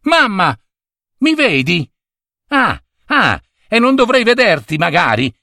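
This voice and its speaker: A man voicing a mother who calls out from a balcony, high and teasing. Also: wildly swooping pitch, unhurried, vocal fry, bright, forceful tone, dry recording, studio quality, exaggerated voice. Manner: high, calling out. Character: cheerful scolding mother, calling from balcony.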